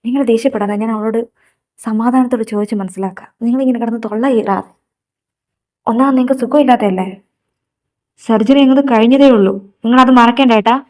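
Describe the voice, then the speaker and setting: A woman voicing a middle-aged mother and wife who scolds her husband and urges him to calm down in a fan audio drama. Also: fairly high pitch, fast, pauses often, natural voice. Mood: scolding.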